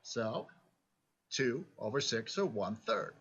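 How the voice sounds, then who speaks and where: A man's voice: mid-range voice, big pitch swings, slow pace, gravelly, fairly bright tone, slight background noise. A man giving a recorded philosophy lecture, explaining step by step and often checking in with "right?". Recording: dull lo-fi recording.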